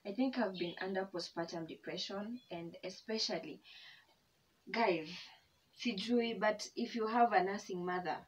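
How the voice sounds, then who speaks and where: A woman's voice: medium pitch, darkish tone. Chatty young Kenyan woman vlogging. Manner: chatty, code-switching, emotional and grateful. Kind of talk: casual chat while eating. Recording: distant mic, dull sound, faint background hum.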